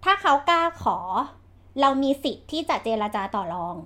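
A woman hosting a podcast chat, giving blunt, lively advice with frequent laughter and slangy speech. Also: high voice, normal speed. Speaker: podcast host and real estate agent.

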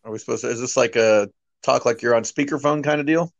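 A man appears as a podcast guest by speakerphone call, chatting casually, rambling and restarting his sentences. His mid-range voice comes fast, with vocal fry. The line sounds dull and lo-fi, dry with no room sound.

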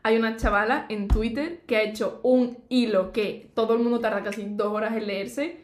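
A woman's voice: fairly high pitch, steady tone, normal speed. A woman from Spain hosting a casual live podcast from a home kitchen, talking in a chatty, informal way. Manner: chatty, informal, clipped "pa'". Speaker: podcast host. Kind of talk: casual live-stream chat. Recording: roomy home recording with faint noise.

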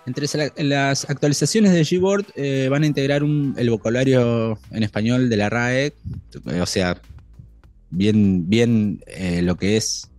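A man co-hosting a casual tech podcast, talking with many restarts and fillers and reading news quotes quickly. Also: mid-range voice, darkish tone, faint music behind. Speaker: podcast co-host.

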